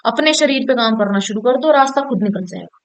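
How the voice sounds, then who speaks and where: Clear-voiced young woman giving pep talk. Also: a little high, lively intonation, fairly quick, poor audio. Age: young adult. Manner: direct, coaxing, repeatedly checking understanding. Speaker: student YouTuber giving career advice. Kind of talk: casual motivational talk to camera.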